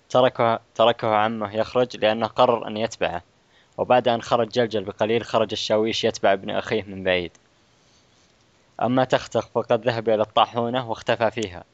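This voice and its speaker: A man's voice: fairly low pitch, no room sound, dull audio. A man casually reading a children's mystery aloud in an offhand way. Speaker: reader.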